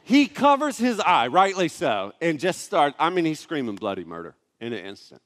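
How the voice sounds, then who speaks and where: 30s guy pastor preaching, slightly high voice, casual storytelling, long echo from the church hall. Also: very animated, normal speed, fairly bright tone. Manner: conversational storytelling with asides. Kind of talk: sermon. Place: church sanctuary.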